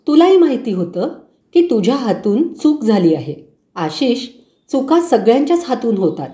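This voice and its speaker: A woman playing a caring mother who lectures her son calmly and gently. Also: fairly high pitch. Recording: roomy echo.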